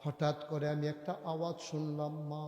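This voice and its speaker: A man preaching an Islamic sermon, telling a story with passion and swinging from quiet telling to drawn-out high shouts. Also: level tone, lo-fi sound. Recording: booming echo of a long hall.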